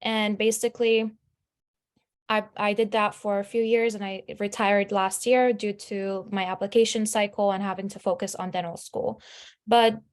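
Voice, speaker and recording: A woman's voice: mid-range voice, flat delivery, normal speed. A woman in her twenties from Lebanon giving a chatty, upbeat presentation over a video call, with frequent fillers. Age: 20s. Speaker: student speaker.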